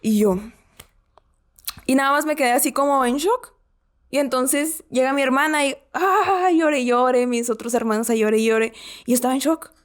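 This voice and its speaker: A young woman with a Mexican accent, telling her personal story as a guest, lively and full of fillers. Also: sits high, normal speed. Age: young adult. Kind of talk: personal testimony.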